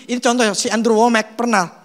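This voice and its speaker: A man's voice: extremely high pitch, normal speed. A male pastor preaching, telling stories and acting out short quotes. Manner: animated storytelling with acted quotes; casual Jakarta slang (gue, lu). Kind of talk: sermon.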